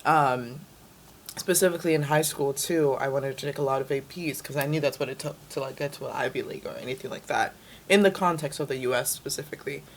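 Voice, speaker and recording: A woman's voice: rumbling low, fast, slight background noise. A young woman from the Dominican Republic, raised in New York City, talking casually as an interview guest with lots of "like" fillers. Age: young adult. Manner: chatty, many "like" fillers.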